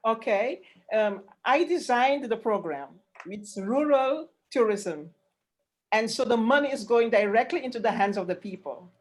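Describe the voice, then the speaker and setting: A woman explaining her work conversationally on an online panel, halting at times and repeating words for emphasis. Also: a little high, lively intonation. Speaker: panelist presenting a rural tourism programme. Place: online video call.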